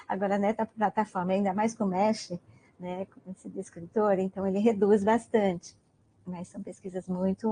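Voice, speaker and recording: Warm and mid-range, this woman's voice carries a Brazilian Portuguese accent as she guest-lectures on mindfulness online. She keeps it conversational, sprinkling in "né?" and asking listeners questions.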